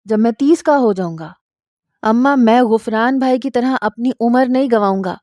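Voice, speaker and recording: Brief: indignant young man, complaining, mellow voice, as a woman narrator voices him. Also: on the high side, no room sound, studio quality, lightly acted. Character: exasperated young man, reluctant groom.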